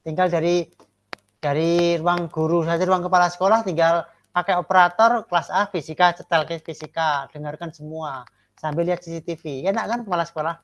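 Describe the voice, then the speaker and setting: A man gives a classroom lecture and feedback to trainee teachers. He keeps checking for agreement with short rhetorical questions. He slows down to stress the words that matter. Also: fairly high pitch, fairly even intonation, highs cut off.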